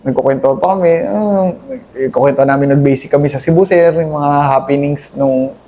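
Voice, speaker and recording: A man in his thirties, an army captain, earnestly recounting combat in a halting, deferential way, addressing his host as "sir" constantly. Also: on the high side, warm tone. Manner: deferential, says "sir" nearly every phrase; earnest, halting storytelling with many restarts. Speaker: army captain, interview guest. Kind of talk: conversational war recollection.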